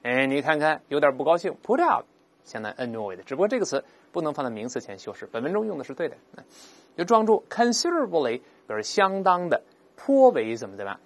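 Male English teacher, animated and fairly high-pitched, walks through grammar patiently. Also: fast talker. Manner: explains grammar step by step, has students read aloud. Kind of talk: recorded language lesson.

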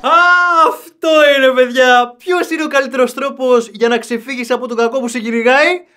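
A man giving sarcastic, animated running commentary while reviewing a horror film. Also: very high-pitched. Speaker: movie reviewer. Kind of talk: casual comedic film commentary.

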